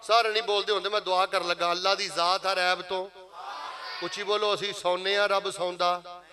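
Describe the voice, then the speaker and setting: A male preacher with a Punjabi accent leads a gathering, calling out phrases for the listeners to repeat and drawing verses out into slow chant. His voice sits high and bright. He keeps his pitch steady rather than swinging widely. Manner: calls on the crowd to repeat phrases aloud, breaks into slow sung verses.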